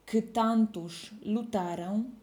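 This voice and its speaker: Slow, mellow-voiced woman dictating. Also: medium pitch. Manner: measured, deliberate phrasing, says each phrase twice. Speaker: dictation teacher. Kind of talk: slow dictation, phrases read twice with punctuation called out.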